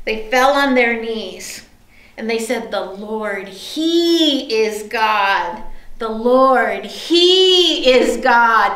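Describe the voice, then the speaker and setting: A woman's voice: a little high, echoey room, low-quality recording. A woman pastor giving a sermon, telling a story in a conversational way with fillers and asides to the listeners. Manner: conversational storytelling with many fillers and tag questions.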